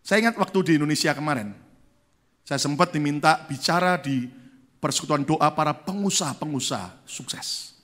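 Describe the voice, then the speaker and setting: A man's voice: fairly high pitch, moderate pace. A male pastor preaching a sermon, telling a story and acting out the people in it. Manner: lively storyteller who acts out the people in his story. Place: church.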